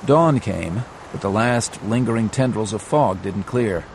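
A man narrating a scripted adventure audiobook in a measured, dramatic storytelling manner. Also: lowish voice, expressive, a little hiss or hum.

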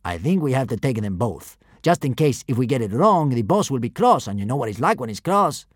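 A man voicing a slow, matter-of-fact male Roman henchman. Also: medium pitch, sing-song, slightly rough, dry recording, studio quality. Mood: offhand.

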